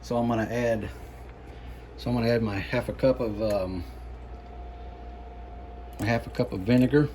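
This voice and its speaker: A man giving a casual home cooking demonstration, explaining things in a halting, unhurried, folksy way. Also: medium pitch, fairly even intonation, warm tone, slight background noise. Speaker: home cook presenting a recipe.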